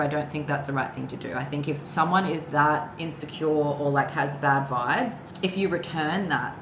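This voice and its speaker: A woman giving a casual, rambling tarot reading with personal asides and the odd swear word. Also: sits low. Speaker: tarot card reader. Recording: echoey room with clear background noise.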